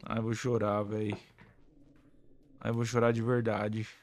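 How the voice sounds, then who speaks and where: A man's voice: fairly low pitch, little pitch movement, a little slow, darkish tone, slight background noise. A man with a Brazilian Portuguese accent giving live gameplay commentary as host of a gaming channel, complaining in an exasperated, whiny way with slang and swearing.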